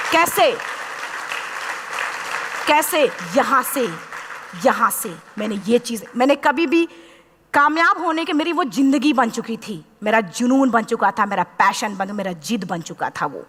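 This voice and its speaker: A woman's voice: fairly high pitch, expressive, a little slow, pauses often, crowd noise, noisy background. A woman in her thirties giving a motivational speech to a live audience, telling her story with passion and acting out the dialogue. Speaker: motivational speaker. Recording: long hall reverb.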